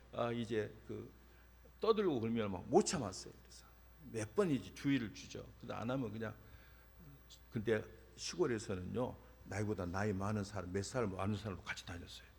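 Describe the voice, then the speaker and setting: A man's voice: on the low side, gravelly, husky. A middle-aged Korean man, a pastor preaching a sermon and telling personal stories, acting out the dialogue in them. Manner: animated storytelling, acts out dialogue. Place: church sanctuary. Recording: long reverb of a church hall.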